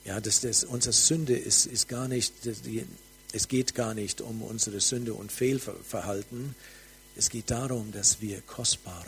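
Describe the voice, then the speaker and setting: Slow fervent male preacher, faint hum. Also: fairly low pitch, rough recording. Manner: slow, fervent, drops to soft near-whispers. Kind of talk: charismatic sermon with prophetic ministry.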